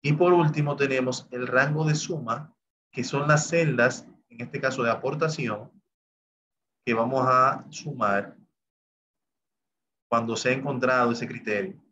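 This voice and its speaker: This Excel instructor has a mid-range voice and speaks a little slowly, leaving long pauses as he walks through each step in a recorded screen-share class. He often says "bien" and "entonces" before moving on. The recording's highs are cut off.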